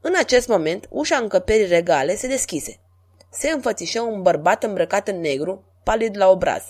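A woman's voice: mid-range voice, animated, a little mellow. Woman narrating a historical tale. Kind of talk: storybook narration.

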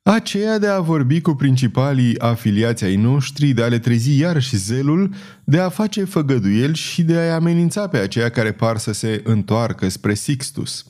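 A man's voice: mid-range voice, expressive, darkish tone, pitched above the performer's own voice, natural voice. A man voicing a frightened prince who talks in a fearful, pleading way. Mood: earnest. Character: frightened male prince, desperate and shaken.

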